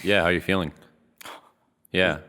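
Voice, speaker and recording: Deep-voiced young man, brash co-host. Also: steady tone, normal speed, pushed and bright. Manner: brash, mock-aggressive teasing. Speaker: podcast co-host. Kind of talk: casual comedic banter. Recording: echoey room with long reverb.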